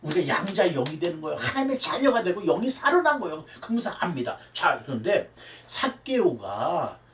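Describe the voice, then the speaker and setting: A man's voice: sits high, sing-song, fairly quick. A man preaching a Sunday sermon as pastor, with emphatic delivery and rhetorical questions to his viewers. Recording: roomy hall, mic at a distance.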